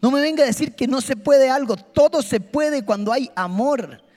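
A man preaching an impassioned, emphatic sermon in a church, swinging between soft and loud. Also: extremely high pitch, expressive, normal speed. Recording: long hall reverb with faint music.

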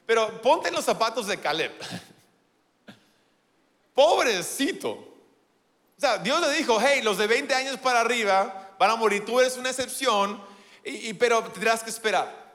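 A man preaching a sermon in an animated, playful way, with self-deprecating humor. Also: very high-pitched, a little slow, long pauses, big-room sound.

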